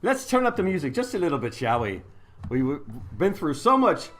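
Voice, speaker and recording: A man's voice: a little high, sing-song, fairly quick, a bit bright, faint music behind, voice pushed up. A male co-host putting on a hammy Irish accent in a festive, sing-song announcer style. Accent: put-on Irish. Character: jolly man with put-on Irish accent.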